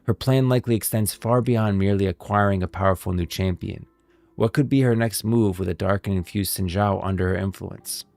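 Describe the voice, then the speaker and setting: A male streamer casually talks through game lore in a low, darkish voice full of vocal fry, speaking fairly quickly. The recording is dry and close, with music playing underneath.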